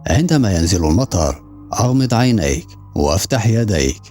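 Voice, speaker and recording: A calm, mysterious older man speaks in unhurried, quiet lines in a storybook reading, as a narrator puts him on. The voice is deep with lively pitch movement. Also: soft background music.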